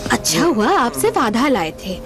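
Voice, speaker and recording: Dub role: a polite complaining customer, high voice, faint music. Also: female voice, very animated, moderate pace. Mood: worried. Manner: hesitant, complaining. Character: worried woman customer, polite. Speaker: dubbing actor. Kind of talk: Hindi film dub.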